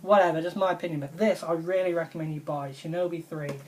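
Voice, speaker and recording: A woman's voice: deep voice, fairly even intonation, fast, background noise. A woman, casually reviewing her favourite retro video games in an enthusiastic, rambling way and repeating her praise. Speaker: video game vlogger.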